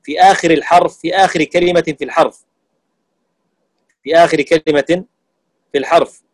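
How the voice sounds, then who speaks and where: A man teaching Quran recitation rules to students, explaining terms and slowly demonstrating how sounds are pronounced. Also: fairly high pitch, steady tone, no room sound, poor audio. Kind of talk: classroom lesson on tajweed.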